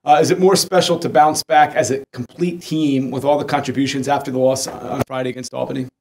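A man's voice: mid-range voice, steady tone, brisk, a little mellow. A man interviewing players after a game, asking long, wordy questions. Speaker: team media interviewer. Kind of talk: postgame press questions.

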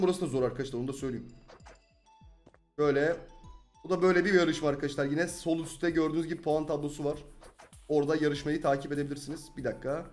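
Young male gamer host, high voice, fast, excitable let's-play patter, music under it. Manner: excitable, exclaims and repeats himself when frustrated. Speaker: gaming YouTuber.

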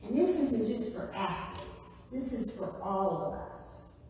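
A woman's voice: medium pitch, slow pace, slight background noise. Female pastor, 60s, chatty sermon delivery, recorded from afar in a reverberant sanctuary. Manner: conversational, animated, gestures while preaching. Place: church sanctuary, indoors. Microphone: far camera. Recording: echoey sanctuary from far off.

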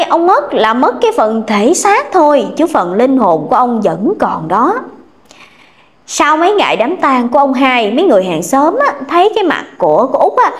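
A woman narrating a ghost story in a colloquial, dramatic way. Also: high-pitched.

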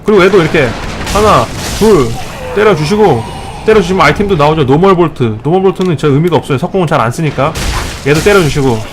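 A man hosting a let's play, giving joking step-by-step tips and scolding the enemies he fights, with sudden excited outbursts. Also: a little high, quick pace, music in the background. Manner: playful mock-tutorial tone, scolding enemies. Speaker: gaming channel host.

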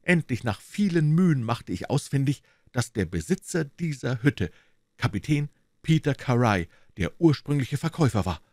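A man's voice: mid-range voice, big pitch swings, moderate pace, darkish tone, dry recording, studio quality, voice pushed up. A man voicing a nervous young man who explains himself to the police in a storybook reading. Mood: confessing.

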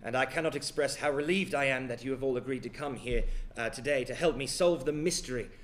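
A haggard, frightened gentleman, voiced by a man speaks in formal, stammering phrases. He has an Australian accent and a gruff edge, and his speech comes out stiff and halting. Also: medium pitch, a little hiss or hum, lightly acted. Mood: fearful. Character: haggard, fearful wealthy older gentleman.

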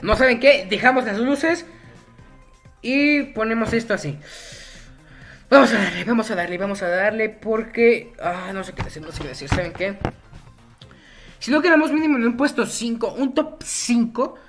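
A man's voice: sits high, lively intonation, moderate pace, long pauses, a bit bright, faint music behind. A young man, a gaming YouTuber, giving casual gameplay commentary in a jokey, rambling way and getting easily frustrated.

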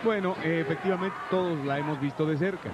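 A man's voice: a little high, fast. A man with a Mexican accent giving live wrestling commentary. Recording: noisy arena broadcast. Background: loud arena noise.

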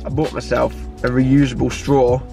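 A man's voice: mid-range voice, flat delivery, moderate pace, gravelly, mellow, soft background music. A man in his twenties with a southern English accent, chatting casually and informally as a vlogger. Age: 20s. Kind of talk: casual vlog chat. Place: in a parked car, on city streets and in shops. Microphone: handheld vlog camera at arm's length.

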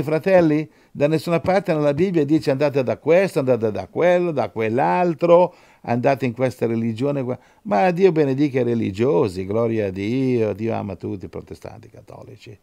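Male preacher, gravelly, dark tone, fervent radio sermon, dry close sound. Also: medium pitch, dry recording. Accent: Italian. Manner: fervent, swings from loud exhortation to soft prayer. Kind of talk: radio sermon with scripture reading.

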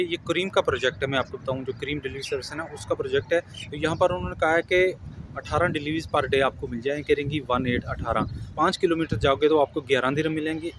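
A man, giving earnest job advice to viewers in a casual vlog, recorded outdoors on a camera held at arm's length. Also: fairly high pitch. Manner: earnest, advising, addresses viewers as friends. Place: outdoors on a grassy lawn by buildings. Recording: outdoor ambience with traffic noise.

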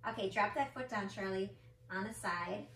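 A woman's voice: medium pitch, normal speed, fairly bright tone, reverberant, far from the mic, a little hiss or hum, rough recording. A woman leading a family yoga class, calling out step-by-step cues and countdowns in an encouraging, playful way. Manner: playful with her child. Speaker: yoga instructor. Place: indoor room with a mirror and mat or carpet.

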